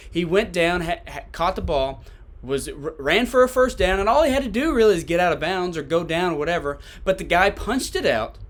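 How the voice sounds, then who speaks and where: A man delivers solo sports commentary as a podcast host. His voice sits a little higher than average for a man. He is emphatic, restating his points and posing rhetorical questions to the listener. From Tennessee, United States.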